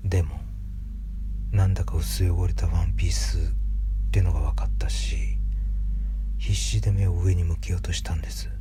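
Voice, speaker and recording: A man reads a creepy ghost story in a hushed, breathy whisper, speaking conversationally as the narrator. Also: sits low. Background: background music.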